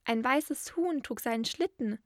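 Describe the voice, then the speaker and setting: A woman's voice: high voice, a little slow, dry recording, clean studio sound. A woman voicing a pair of mournful wood doves that coo as they speak in a storybook reading. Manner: repeated cooing calls. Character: cooing wood doves, small birds, mournful.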